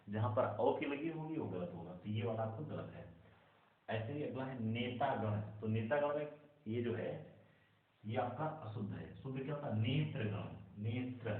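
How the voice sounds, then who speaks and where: Distant echoey male teacher, phone-like sound. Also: lowish voice. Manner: repeats "keep in mind", drills right and wrong forms. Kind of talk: Hindi spelling lesson.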